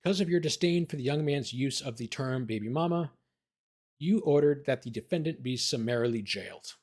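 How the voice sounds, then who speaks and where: A man hosting a livestream as an attorney, reading court documents aloud and commenting casually, his voice tiring and going hoarse. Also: medium pitch, animated, brisk, darkish tone. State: losing his voice.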